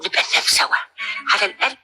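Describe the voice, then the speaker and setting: An actress playing a gentle, ailing lady of the house in an old Egyptian film, speaking tenderly with an Egyptian accent. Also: rapid-fire, faint music behind. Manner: tender, affectionate.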